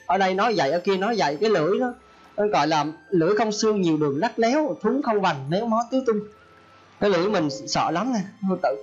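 A man's voice: high voice, animated, fast, slightly rough, highs cut off. A male Buddhist monk giving a folksy sermon, often acting out the people he quotes. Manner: folksy, acts out quoted speech. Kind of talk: Dharma talk sermon.

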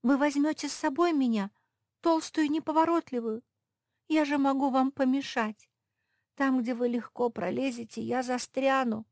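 A woman's voice: high-pitched, steady tone, normal speed, a little mellow, no room sound, clean studio sound, voice pushed up. A woman voicing the smallest pug, a timid and self-doubting girl, speaking in a plaintive, timid way.

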